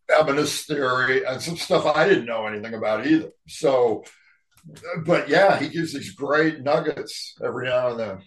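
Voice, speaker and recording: Male co-host, even middle voice, casual, roomy far-off recording. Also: mid-range voice, normal speed, a little hiss or hum. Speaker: podcast co-host. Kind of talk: casual podcast chat. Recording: roomy and distant from the mic.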